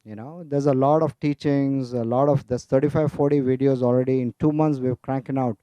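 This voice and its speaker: A man's voice: mid-range voice, fairly even intonation, a little fast, dark tone, clear, resonant tone, dry recording. A man teaching spirituality in a casual festival talk, telling humorous stories, weaving in Sanskrit terms and asking "right?" often. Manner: chatty, frequent "you know" and "right?".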